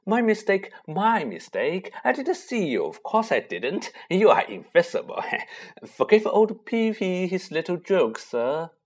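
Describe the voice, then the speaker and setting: A man's voice: mid-range voice, huge pitch swings, takes it slowly, vocal fry, few pauses, full character voice. A man voicing a sly, mischievous poltergeist who drawls in a greasy, wheedling way.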